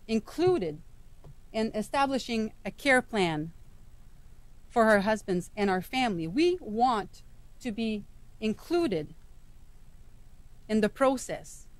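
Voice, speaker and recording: A woman with a Quebec French accent speaks at a medium pitch. She reads a prepared public appeal earnestly and with emphasis. The sound is dry, with little room echo. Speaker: veteran's wife and advocate.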